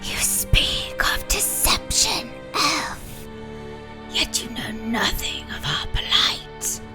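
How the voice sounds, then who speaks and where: A woman voicing a sinister undead ghost in a breathy whispered ghost voice while reading out a game. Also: a little high, very animated, very slow, music in the background, exaggerated voice. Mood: accusing. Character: sinister undead oathbreaker ghost, servant of the Dark Lord. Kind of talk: character voice in a game read-aloud.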